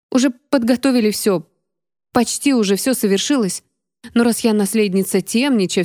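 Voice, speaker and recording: A woman's voice: fairly high pitch, mellow, dry recording, natural voice. A woman voicing a shaken young woman, a necromancer's heir, who stammers and trembles, on a close dry mic. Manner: stammering, tremulous.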